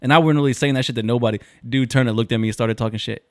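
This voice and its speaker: A young man co-hosting a podcast, chatting loosely and jokingly in slangy talk, now and then slipping into quick impressions of other people. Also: mid-range voice, fairly even intonation, dry recording, clean studio sound. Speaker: podcast co-host. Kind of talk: casual chat.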